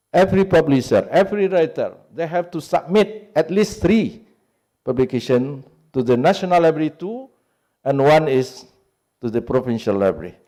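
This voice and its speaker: Indonesian-accented man, mellow halting English. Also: a little high. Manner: halting, searching for English words with many fillers; lists points one by one, stressing each. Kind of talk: unscripted talk on a panel.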